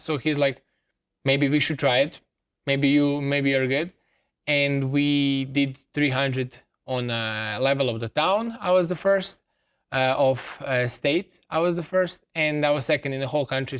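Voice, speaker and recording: A young man from Serbia answers a host's questions in English with a Serbian accent, in a smooth, clear voice. He talks earnestly and pauses often to find his words, sitting as a guest in a television studio. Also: mid-range voice, fairly bright tone. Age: young adult. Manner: earnest, with many hesitations. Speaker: student athlete guest. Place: TV studio set.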